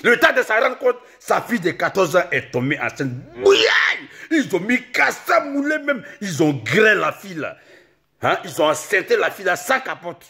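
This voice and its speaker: Comic man, shouty repetitive rant, high gravelly bright voice. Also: sing-song, brisk. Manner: ranting, repetitive, often shouting. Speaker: comic vlogger.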